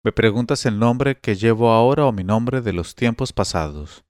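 A man voicing a sad young slave woman who speaks softly and pleads in a read-aloud tale. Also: medium pitch, moderate pace, dry recording, clean studio sound, natural voice. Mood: sorrowful.

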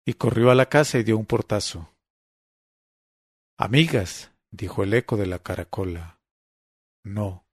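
A man reading a literary story aloud in a measured, deliberate way. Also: on the low side, no echo, studio quality. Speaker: narrator. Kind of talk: literary audiobook narration.

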